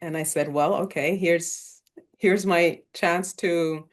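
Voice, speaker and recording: A woman's voice: on the low side, steady tone, slow pace. A woman who grew up in Kenya, speaking as a literary translator on an online panel, thoughtful and hesitant with many fillers and restarts. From Sierra Leone and Uganda, raised in Kenya. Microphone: video call.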